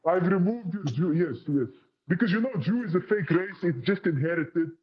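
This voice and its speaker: A man's voice: high-pitched, animated, moderate pace, a crowd in the background. A man putting on a ranting, accusatory troll caller through a voice changer, his voice muffled. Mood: pompous. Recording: muffled lo-fi call audio.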